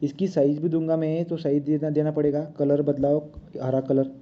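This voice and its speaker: A man's voice: fairly high pitch, level tone, moderate pace. A man teaching a drawing lesson, talking as he draws and checking often with "right?". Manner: talks while drawing, many checks like "right?". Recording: dull lo-fi sound.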